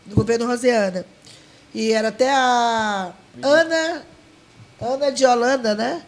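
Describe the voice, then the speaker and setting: Unhurried and high-voiced, a woman from Maranhão, Brazil, who leads a folk dance group, appears as a guest telling an emotional story. Her telling is heartfelt, packed with restarts and quoted dialogue.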